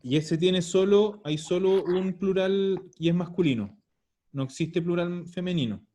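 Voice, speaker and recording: A man with a mellow, warm tone and a slightly higher pitch teaches a language class over a video call. He talks slowly and patiently, repeating words so his students can follow. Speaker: Italian teacher. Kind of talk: online language lesson.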